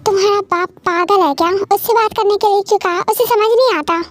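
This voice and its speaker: A woman's voice: very high-pitched, fast, dry recording. A woman voicing a jealous, short-tempered young man who answers curtly and sarcastically, in a storybook reading. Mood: angry. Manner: curt, sulky and sarcastic. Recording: faint music underneath. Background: soft background music.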